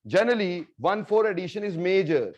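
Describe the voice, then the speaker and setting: Slow high-voiced male chemistry teacher. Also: animated, highs cut off. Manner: explains step by step, asks the class "clear?" and repeats key terms; calls students "beta" and "bhai". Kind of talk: classroom lecture mixing Hindi and English. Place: classroom.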